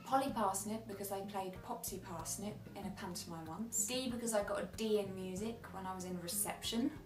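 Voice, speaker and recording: A woman's voice: mid-range voice, fairly quick, echoey room, recorded from a distance, over music, rough recording. A woman chatting casually to camera as a vlogger, rambling and correcting herself as she goes.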